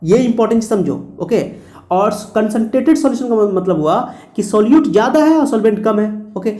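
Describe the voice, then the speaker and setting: A man's voice: high voice, animated, fairly quick, warm tone. A male chemistry teacher giving a classroom lecture, posing questions and answering them himself, often correcting his own slips.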